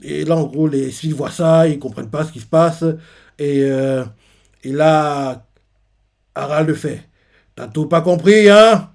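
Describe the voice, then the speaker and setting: A man with a fairly high voice casually recaps a comic chapter for his channel. He rambles, stalls on fillers and restarts, and keeps talking at a relaxed, conversational pitch. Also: a little slow, vocal fry, pauses often. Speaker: manga reaction youtuber.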